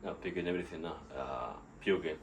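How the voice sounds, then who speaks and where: Male workout vlogger, unwell, very deep voice, hesitant casual delivery, noticeable background noise on an outdoor phone recording. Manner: halting, rambling, repeats and searches for words. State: sick and nauseous. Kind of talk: casual unscripted workout vlog. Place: outdoors in a still yard under a tarp. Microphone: phone on a tripod.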